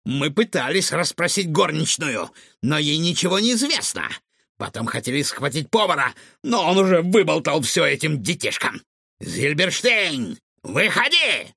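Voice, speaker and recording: A man's voice: fairly high pitch, sing-song, normal speed, creaky, a bit bright, slightly rough, no echo, clean studio sound, pitched above the performer's own voice, exaggerated voice. A man voicing a menacing male mad-scientist villain who gloats and barks threats in a storybook reading.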